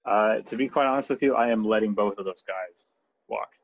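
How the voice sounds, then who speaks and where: A man's voice: fairly low pitch, brisk, creaky, highs cut off. A man talking hockey as a podcast guest, loose and chatty, full of fillers and restarts. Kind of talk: casual podcast chat.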